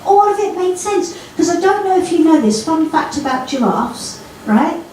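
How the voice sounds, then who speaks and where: Cheeky high-voiced comedian woman. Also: very animated, normal speed, darkish tone, a little hiss or hum. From East London. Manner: chatty, cheeky, addresses the audience directly. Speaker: stand-up comedian. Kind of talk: stand-up comedy routine. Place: comedy stage. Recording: echoey room, mic far off.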